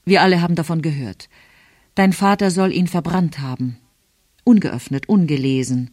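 A woman reading aloud, voicing a composed aristocratic count who speaks in a measured, coolly demanding way. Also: low-pitched, a little mellow, no room sound, studio quality. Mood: coolly accusing.

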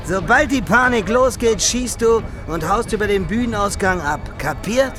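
An actor playing a brutal, swearing young gang leader in a radio play, threatening teenagers. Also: male voice, high-pitched, expressive, moderate pace, over music, crowd noise. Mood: menacing. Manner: crude, swearing, menacing.

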